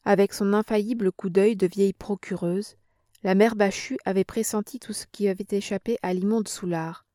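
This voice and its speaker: A woman reads a novel aloud in a steady, expressive way. Her voice sits at a middle pitch for a woman. The sound is dry and close to the mic. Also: moderate pace, no room sound. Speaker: audiobook narrator. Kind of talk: novel reading.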